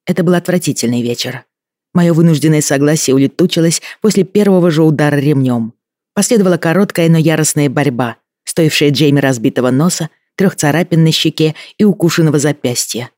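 A man reading a novel aloud as scripted first-person narration, in a measured, even manner. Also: fairly high pitch, no room sound, studio quality. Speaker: audiobook narrator.

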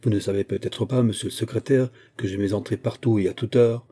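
A man reading the part of a proud, hot-tempered aging musketeer captain in an audiobook, with sharp, indignant retorts. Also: on the low side, steady tone, brisk, slightly rough.

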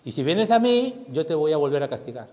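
A man preaching a sermon as pastor, impassioned, swelling loud and then dropping low. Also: very animated, fairly quick. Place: church hall. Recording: long hall reverb.

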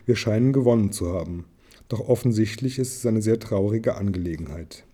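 A man reading the part of a weary, wounded male hobbit who speaks softly and a little shakily. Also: on the low side, a little fast, lightly acted. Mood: musing. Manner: softly spoken, shaky.

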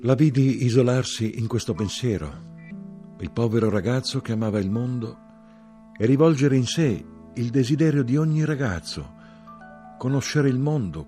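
A man narrating a literary audiobook in a measured, grave, expressive way. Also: on the low side.

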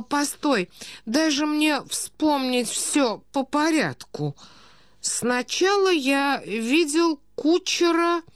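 A woman voicing a forgetful, fussy old male prince who talks in meandering, plaintive, drawn-out phrases. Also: high voice, no room sound, clean studio sound, voice pushed up, heavily acted. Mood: muddled.

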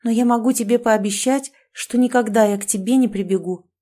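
A woman's voice: a little high, brisk, dark tone, close to an everyday voice. A woman voicing a young woman in love who protests and pleads defensively, in an audiobook. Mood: protesting.

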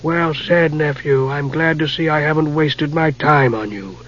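Man doing a creepy old archmage, dry raspy voice, soft and slow, muffled sound. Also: on the high side. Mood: cold. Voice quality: dry, rasping. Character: irritable, menacing old male archmage.

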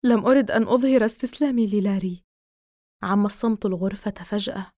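A woman narrating a horror novel in the first person as an audiobook, in a steady, measured reading. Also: mid-range voice, no echo, clean studio sound.

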